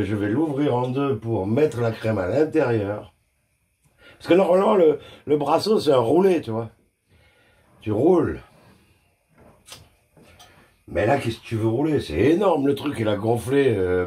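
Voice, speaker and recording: With a warm, medium-pitched voice, a man films a cooking vlog in his own kitchen, talking straight to the camera as he works. He's casual and self-mocking, cracking jokes about his mistakes and swearing without restraint.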